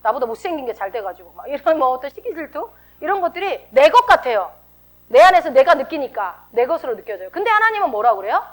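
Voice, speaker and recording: A woman pastor preaching a sermon, animated and full of rhetorical questions, acting out heated outbursts as she goes. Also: high-pitched, quick pace.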